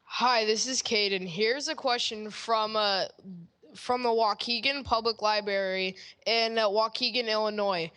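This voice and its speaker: A woman's voice: mid-range voice, fairly even intonation, unhurried, sharp tone. A female questioner reading out a question submitted by someone else. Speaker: questioner relaying library questions.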